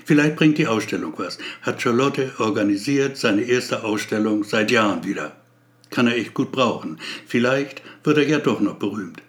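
A man narrating a story aloud in a measured way. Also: medium pitch, expressive.

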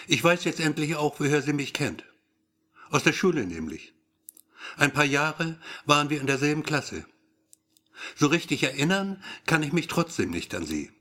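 Sex: man reading a woman. Figure: a man voicing a sharp-tongued woman journalist. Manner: curt, sarcastic, lively pitch. Style: audiobook.

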